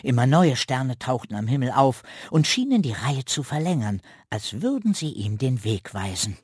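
A man reading a children's radio story aloud with slow, expressive storytelling. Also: medium pitch, slightly rough, no room sound, studio quality.

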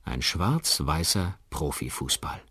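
A man with a deep voice narrates a children's radio story expressively, with a wide, lively pitch range. His tone is husky. The recording is close and dry. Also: slow pace, no room sound. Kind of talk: children's audiobook reading.

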